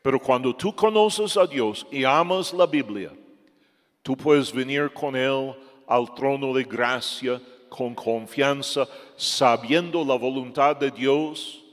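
Preacher: a man giving an emphatic sermon, slow and fairly high, with a long church echo. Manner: emphatic, swings from loud to soft. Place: church hall.

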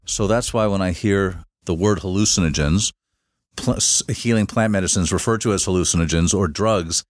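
With a deep voice and studio-quality audio free of room sound, this man is a shamanic facilitator being interviewed on a laid-back podcast. He explains at length but haltingly, restarting many times and filling gaps with fillers.

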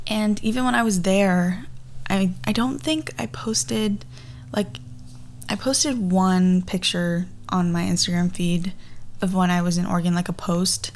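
A woman of twenty-one hosting a casual podcast from a garage, telling personal stories in a chatty, rambling way that often backtracks. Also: on the low side. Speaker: podcast host. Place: recorded in a garage.

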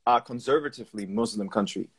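A man's voice: medium pitch, fast, crowd noise. A man in his twenties from Turkey and Georgia, hosting a podcast interview on a live video call, enthusiastic and affirming. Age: 20s. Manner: enthusiastic, affirming, restarts sentences. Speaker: podcast host. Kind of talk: casual interview. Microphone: phone on a live video call.

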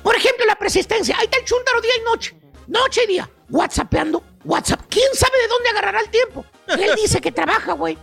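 A man voicing a squeaky male joke professor on a radio comedy segment, with a Mexican accent and a rambling, slangy lecturing manner full of "güey". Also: expressive, fairly quick, vocal fry, fairly bright tone, faint music behind, exaggerated voice. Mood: storytelling. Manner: rambling, slangy, keeps saying "güey" and "fíjate nada más".

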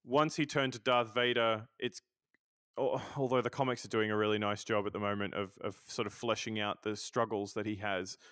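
Guy hosting a podcast, keeps stumbling over words, smooth clear voice, dry sound. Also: fairly low pitch, fairly even intonation, moderate pace, fairly bright tone, dry recording. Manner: stammering, repeats words often. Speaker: podcast host. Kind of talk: casual interview chat.

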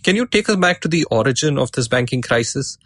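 A man's voice: medium pitch, expressive, quick pace, fairly bright tone, no room sound. Congested man hosting, sore throat, blocked nose. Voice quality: congested, stuffy nasal sound. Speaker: podcast host. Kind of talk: scripted podcast introduction.

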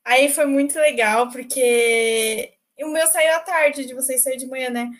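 Young woman, high-pitched, lively casual storyteller. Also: unhurried. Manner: animated storytelling, laughs often. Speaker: newly qualified lawyer, podcast guest. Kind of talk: casual chat.

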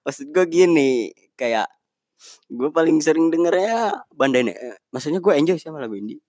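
A man's voice: fairly high pitch, lively intonation, normal speed, a little mellow, no echo, clean studio sound. A young man with chatting casually with a friend, often laughing and dropping in English words. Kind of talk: casual chat.

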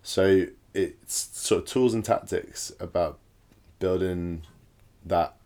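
A man's voice: deep voice, slow, warm tone. A man co-hosting a podcast in casual chat, making playful teasing quips. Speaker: podcast co-host.

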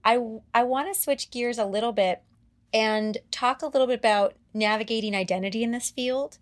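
A woman hosting a podcast, asking her guest measured, slightly hesitant questions. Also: a little high. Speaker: podcast host. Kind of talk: interview questions.

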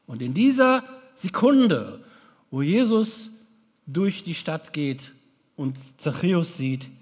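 A man delivers a sermon in a slightly high voice, with deliberate, unhurried phrasing. He often sinks suddenly into a hushed tone. His words ring out with a long hall reverb, as in a church. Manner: dramatic, with sudden drops to a hushed voice. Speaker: preacher.

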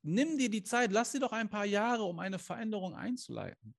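Man, high-pitched, life coach, earnest, direct to camera, rhetorical questions, Islamic phrases. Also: expressive, brisk, gravelly. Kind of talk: motivational coaching talk to camera. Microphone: camera he adjusts himself.

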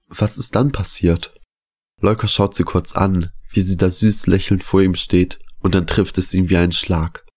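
A man narrating a scripted story in a calm, steady manner. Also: deep voice, no room sound.

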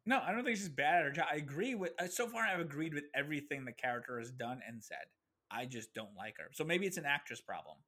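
A man's voice: fairly high pitch, expressive, fast talker, sharp tone. A man co-hosting a casual podcast, talking animatedly and swearing freely while he acts out characters' lines. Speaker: podcast co-host. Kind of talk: casual chat.

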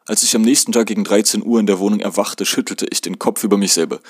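A man from Germany reading his first-person memoir aloud in a measured, calm way. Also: on the low side, no echo, clean studio sound. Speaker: narrator.

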